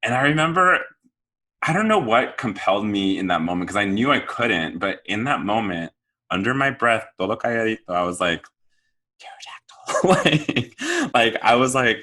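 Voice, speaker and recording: A man's voice: lowish voice, lively intonation, normal speed, sharp tone. A man around thirty from Southern California telling a rambling, self-deprecating childhood story on a podcast. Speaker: podcast co-speaker.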